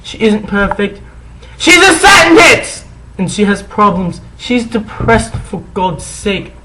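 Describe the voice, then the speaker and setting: A man's voice: high voice, very animated, takes it slowly, noisy background, voice pushed up, full character voice. A man voicing a whiny, defensive, melodramatic teenage goth girl author in a comic dramatic reading. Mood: shrill indignation. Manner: whiny, indignant, histrionic.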